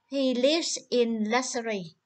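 A woman teacher with a Vietnamese accent giving a vocabulary lesson, reading English words and explaining them in Vietnamese. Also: on the high side. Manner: slow and careful, switching between English words and Vietnamese explanations. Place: Nha Trang school.

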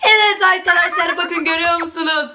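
A woman's voice: very high-pitched, steady tone, fairly quick, background noise. A woman host playing a phone game on her vlog, eagerly calling out to viewers and repeating herself. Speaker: channel host. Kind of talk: excited app gameplay vlog. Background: loud game music.

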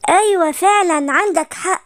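A woman's voice: extremely high pitch, fairly quick, very noisy. A woman with an Egyptian Arabic accent voicing a young cartoon boy who is jumpy and easily scared. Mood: wondering. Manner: excitable, panicky cries. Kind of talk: cartoon voice acting.

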